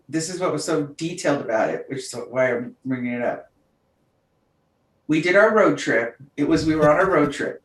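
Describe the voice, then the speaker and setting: Woman telling stories in a roomy echo. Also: low-pitched. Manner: animated storyteller, laughs often. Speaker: podcast co-host. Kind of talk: casual chat. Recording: roomy, distant mic.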